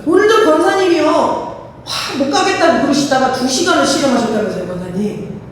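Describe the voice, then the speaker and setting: A woman's voice: high-pitched, expressive, fast talker, slight background noise. A woman pastor preaching a fervent sermon and calling for responses from the congregation. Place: church sanctuary. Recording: echoey church hall from far off.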